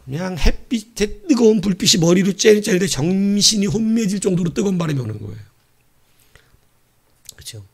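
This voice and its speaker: A middle-aged pastor delivers a sermon with a slightly high, very lively voice that leaps and falls. He tells the story playfully, with laughter and sudden hushed asides. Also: slightly rough.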